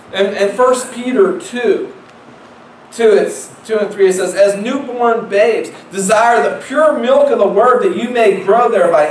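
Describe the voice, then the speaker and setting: A male pastor with a high voice preaches in a casual, conversational way, repeating himself and putting questions to the congregation. He sounds like he is picked up from some distance, with the echo of a church room and a faint hiss behind him. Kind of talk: sermon. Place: church sanctuary.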